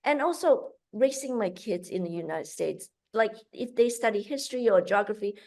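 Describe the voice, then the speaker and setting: A Malaysian woman who founded a kids' cooking program is a guest in an interview. She speaks animatedly at a normal pace, with a creaky, mid-range voice and lots of fillers and restarts.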